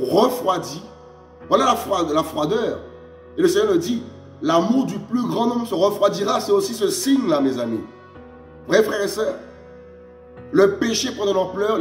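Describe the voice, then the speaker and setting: A man with a high voice preaches an emphatic sermon, pushing his questions up and then sinking low to address his friends. His voice rings in a reverberant room. Soft music plays underneath. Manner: emphatic, repeats "mes amis" in a low drop; rhetorical questions, rising exclamations.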